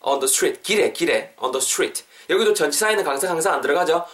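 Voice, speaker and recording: A man hosting a podcast English lesson, playful and lively, drilling phrases with repetition and jokes. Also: on the high side, moderate pace, far from the mic. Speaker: English teacher, podcast host.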